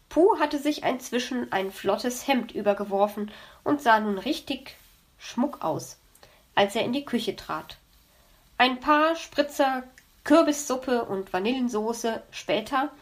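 A woman with a somewhat high voice reads a children's story aloud. Her narration is calm and even, in a clear audiobook manner.

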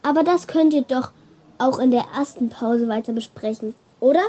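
A woman's voice: high-pitched, normal speed, mellow, highs cut off. A woman voicing a friendly, cheerful young female teacher in a storybook reading, with welcoming calls.

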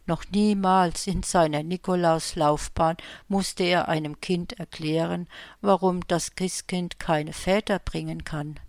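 A woman reading her own short story aloud in a calm, measured, gentle way. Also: fairly low pitch, no echo, clean studio sound.

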